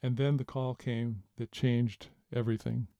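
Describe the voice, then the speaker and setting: A man reading an audiobook in measured, expressive storytelling. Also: medium pitch, creaky, no echo. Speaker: audiobook narrator. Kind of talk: scripted audiobook narration.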